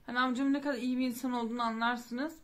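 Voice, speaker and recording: A woman with a fairly high voice tells a personal family story straight to camera. She sounds grieving and rambles, doubling back with restarts and fillers as she talks. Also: steady tone, very fast, a bit bright. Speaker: vlogger.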